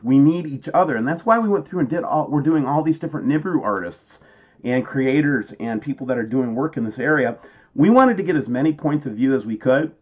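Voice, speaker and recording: A man hosting his own channel, talking loosely and casually to viewers about pictures, calling them man and guys. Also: mid-range voice. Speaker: channel host. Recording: dull lo-fi sound.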